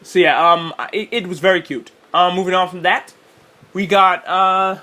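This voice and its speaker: A man's voice: high-pitched, fairly even intonation, moderate pace, pushed and bright. A man co-hosting a casual reaction chat about a games showcase, rambling through his notes and swearing freely. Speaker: co-host.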